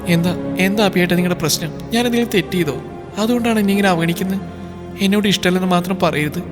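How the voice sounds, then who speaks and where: A devoted young wife pleads with quick, high, emotional lines, as a man voices her. Background music sits clearly under her voice in this audio story. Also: lightly acted. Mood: hurt, pleading.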